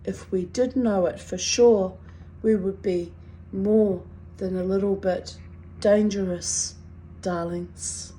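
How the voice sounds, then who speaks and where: A middle-aged woman with a strong New Zealand accent reads her own personal writing aloud in a wry, deliberate, dramatic way. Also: medium pitch, fairly even intonation, mellow, a little hiss or hum, poor audio. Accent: strong New Zealand (Kiwi). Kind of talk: expressive reading of personal confessional prose.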